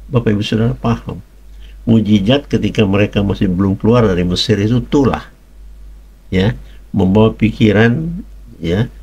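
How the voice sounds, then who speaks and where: A man preaches in a loose, conversational way, piling up repeated words and turning often to his listeners. His voice sits very low and gravelly, with a husky, breathy edge. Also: darkish tone. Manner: colloquial, repetitive, addresses listeners directly. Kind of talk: conversational sermon.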